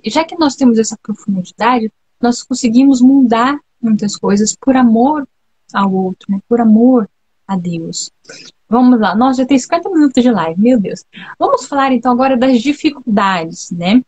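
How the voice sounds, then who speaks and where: Brazilian woman host, slightly husky voice, pitched a touch high, chatty and reflective live talk. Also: a little mellow. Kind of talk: casual live chat.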